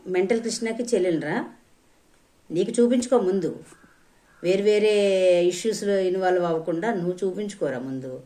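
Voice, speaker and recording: A woman vlogger in an angry rant to the camera, scolding online commenters with insults, bitter and defiant, rising to shouts. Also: lowish voice.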